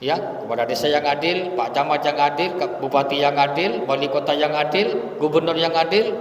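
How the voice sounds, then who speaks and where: A man preaching a lively sermon to his congregation, telling stories and addressing them directly. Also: on the high side, normal speed. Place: gathering hall for an evening study. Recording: echoey hall from far off.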